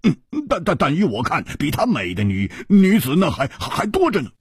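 A man voicing a cold, proud young swordswoman in a Chinese storytelling reading, speaking in a sharp, scornful way. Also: fairly high pitch, huge pitch swings, moderate pace, breathy edge, dry recording, studio quality, heavily acted.

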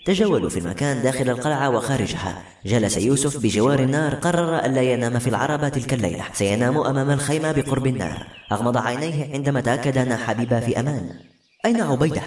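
A male audiobook narrator reads a novel at a quick, steady clip. His voice sits at an ordinary middle pitch. The recording sounds roomy and echoey. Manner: brisk, steady reading. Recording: roomy echo.

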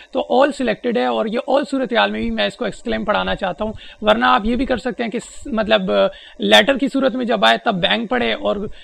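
Tutorial presenter, male, gravelly and high-pitched, hesitant step-by-step delivery. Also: a bit bright. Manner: explains step by step with frequent hesitations. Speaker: presenter demonstrating a screen reader. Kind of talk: spoken software tutorial.

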